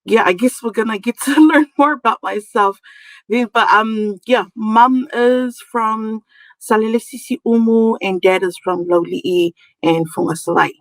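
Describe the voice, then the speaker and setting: A woman's voice: fairly high pitch, measured pace, dry recording, poor audio. A middle-aged woman with a Samoan New Zealand accent, chatting informally and giggly as she tells her story as an interview guest. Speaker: podcast guest, community nurse. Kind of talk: casual conversational storytelling.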